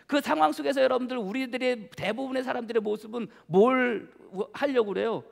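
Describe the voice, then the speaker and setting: A male pastor with a very high, gravelly voice preaches to his congregation, asking rhetorical questions as he goes. His voice carries a long echo through the church sanctuary. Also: a little fast. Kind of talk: sermon. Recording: church hall reverb.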